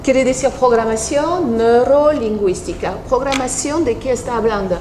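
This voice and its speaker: A woman's voice: on the high side, warm tone, a little hiss or hum. French-accented woman explaining thoughtfully, echoey room. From France. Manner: thoughtful, explanatory, with pauses and restarts. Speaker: guest, NLP practitioner. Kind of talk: interview conversation.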